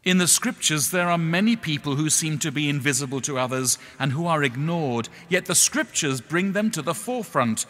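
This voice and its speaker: Earnest middle-aged preacher in echoey church. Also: male voice, on the high side, lively intonation, a bit bright. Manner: measured, earnest, slow pauses on key words. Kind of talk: sermon.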